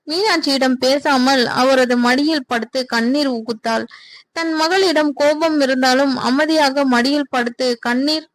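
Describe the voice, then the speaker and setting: A woman storyteller reading a serial romance story in a steady, even way. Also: sits high, no echo, rough recording. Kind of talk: scripted narration of a serial story.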